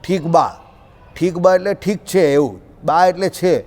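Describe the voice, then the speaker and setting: A man delivers a scripture discourse in a chatty, storytelling manner and keeps checking in with his listeners. His voice sits high for a man. A long hall reverb hangs after every phrase. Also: measured pace, darkish tone. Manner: conversational, checks in often with listeners. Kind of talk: religious discourse with folksy anecdotes.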